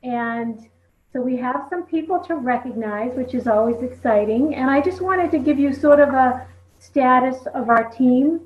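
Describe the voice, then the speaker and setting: Brief: woman hosting a team call, chatty filler-heavy delivery, slightly high voice, tinny phone-line sound. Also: normal speed. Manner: chatty, peppered with "you know". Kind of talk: conversational group call.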